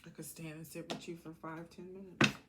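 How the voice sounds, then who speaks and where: A woman gives a casual, intuitive tarot reading, talking informally and bluntly while drifting from one aside to another. Her voice is lowish and level, she speaks fairly quickly, and the recording is very noisy.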